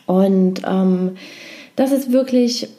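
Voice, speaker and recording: A woman informally introduces a meditation in a gentle, encouraging and reflective way. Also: medium pitch, extremely slow. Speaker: meditation guide.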